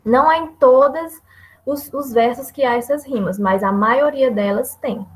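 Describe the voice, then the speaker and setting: A woman's voice: high voice, unhurried, slight background noise, rough recording. A woman with a Brazilian Portuguese accent giving a hesitant classroom presentation on poetry, full of fillers and restarts. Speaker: student presenter.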